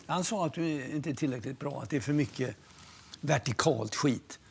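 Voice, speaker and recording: An older man, a film producer, reminiscing in a documentary interview, a lively storyteller who swears freely and acts out what others said. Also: medium pitch, vocal fry, breathy edge.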